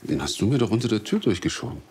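A man's voice: fairly low pitch, very animated, racing, a little mellow, slight background noise. An actor playing a curt, wry man in a TV drama, talking in a terse, dry way. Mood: dry, guarded. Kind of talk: TV drama dialogue.

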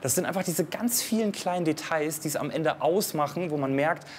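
A man's voice: on the high side, brisk, slight background noise. A man who runs outdoor escape games, explaining them enthusiastically. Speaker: game master. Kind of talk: casual explanation.

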